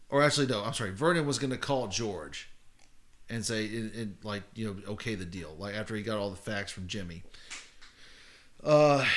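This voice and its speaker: A man co-hosting a podcast, retelling a story in a casual, rambling way, full of fillers and self-corrections. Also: mid-range voice. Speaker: podcast co-host.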